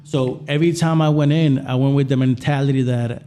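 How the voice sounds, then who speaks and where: With a warm, steady, mid-range voice, a Puerto Rican chef appears as a podcast guest and speaks briskly. He tells personal stories in a relaxed, informal way, frequently repeating himself.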